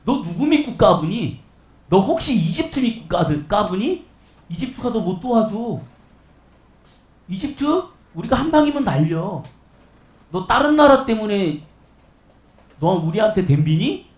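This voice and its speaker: A man's voice: sits high, very animated, a little slow, pauses often, reverberant. A male pastor voicing an arrogant, taunting Assyrian king who speaks down to his rival in a mocking, casual tone. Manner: mocking, condescending, casual speech.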